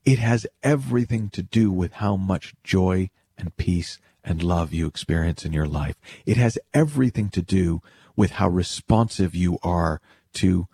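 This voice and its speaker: A man's voice: deep voice, expressive, a little slow, gravelly, warm tone, slightly rough. A man giving an explanatory motivational talk, speaking to the listener directly with emphatic phrasing and rhetorical questions. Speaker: speaker teaching spiritual principles.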